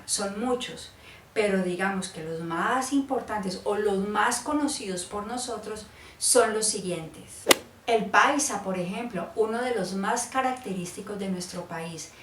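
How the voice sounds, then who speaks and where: Slow-talking Cali Colombian woman teacher. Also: mid-range voice, recorded from a distance, slight background noise. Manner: chatty, asks "¿sí?" to check understanding. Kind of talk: explanatory lesson. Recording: roomy, off-mic, faint ambience.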